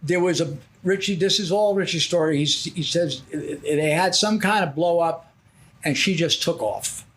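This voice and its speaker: A man's voice: a little slow, fairly bright tone. Rambling older man telling a story. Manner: rambling, drops his voice low to act out quotes. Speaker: podcast host. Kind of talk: casual storytelling.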